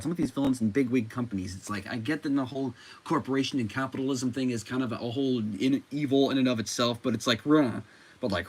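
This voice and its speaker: A man giving casual commentary as a comic book reviewer, rambling with frequent fillers and self-corrections. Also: medium pitch.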